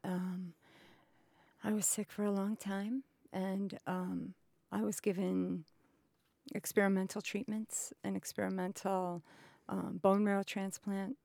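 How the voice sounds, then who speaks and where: A woman in her fifties, a patient advocate, answering interview questions in a slow, halting way with many pauses and fillers. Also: medium pitch, flat delivery, gravelly, a little mellow, no echo. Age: 50s. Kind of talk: recorded interview. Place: indoors, cultural center.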